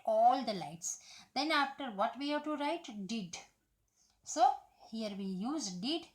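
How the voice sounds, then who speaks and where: A woman with an Indian accent teaching an English grammar lesson, spelling words letter by letter and slipping into Hindi phrases. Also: fairly high pitch.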